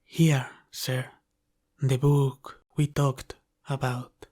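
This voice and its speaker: For an ASMR roleplay, a man voices a dutiful half-dragon butler, slow and careful, his mid-pitched, darkish voice level, restrained and barely moving in pitch. Formal and deferential, he cares for the one he serves with apologetic humility.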